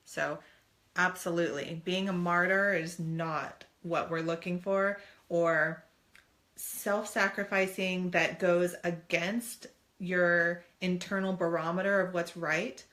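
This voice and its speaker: Bright-voiced woman co-hosting a family talk. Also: on the low side, fairly even intonation, slow pace. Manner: earnest, playful with quoted voices. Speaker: co-host. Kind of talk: casual chat.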